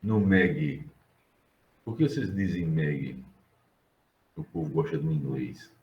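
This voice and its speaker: Deep-voiced Brazilian man lecturing a class. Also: lively intonation, slow pace, slight background noise. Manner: digressive, conversational, questions the students. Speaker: teacher. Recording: roomy, dull classroom sound.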